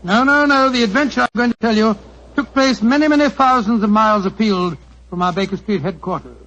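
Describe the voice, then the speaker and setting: Old English gentleman doctor, high voice, avuncular storyteller, 1940s radio drama, dull old recording. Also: brisk. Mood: genial, reminiscing. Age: older. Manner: avuncular, chuckling, hesitant storyteller. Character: elderly, genial English doctor reminiscing about adventures.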